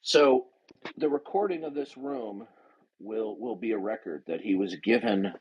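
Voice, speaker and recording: A man's voice: lowish voice, animated, measured pace, dull audio, slight background noise. A man hosting an online debate room, arguing in a confrontational, insistent way and repeating his demands. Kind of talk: argumentative live debate.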